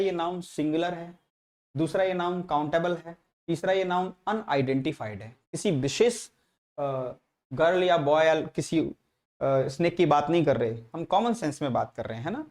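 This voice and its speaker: A man's voice: fairly high pitch, expressive, normal speed, a little mellow. Man teaching grammar class. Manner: repetitive, checks in with frequent tag questions. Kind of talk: classroom lecture explaining English grammar.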